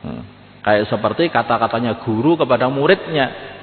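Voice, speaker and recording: A man's voice: medium pitch, moderate pace. A man giving an evening sermon, animatedly acting out quoted dialogues, recorded in a prayer hall. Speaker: preacher. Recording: echoey hall over a thin phone-like line.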